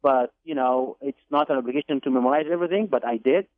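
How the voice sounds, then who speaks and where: A man from Egypt, a radio guest, telling his life story in a deliberate way with repeated words and fillers, heard over the phone. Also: mid-range voice, no room sound. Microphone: telephone. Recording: tinny phone line.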